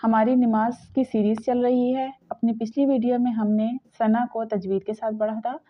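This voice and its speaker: A woman teaching tajweed, switching between slow, drawn-out recitation and quick explanations. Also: fairly high pitch, steady tone. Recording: tinny phone-like audio.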